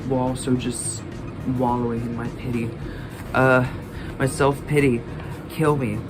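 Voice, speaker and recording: A young drag performer from Ohio in their early twenties speaks to camera in a confessional, joking about themselves in a camp, theatrical way. The pace is slow and drawn out, and the voice sits at a middling pitch. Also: level tone, loud music behind the voice. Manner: campy, self-mocking, drawling jokes. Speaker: drag competition contestant.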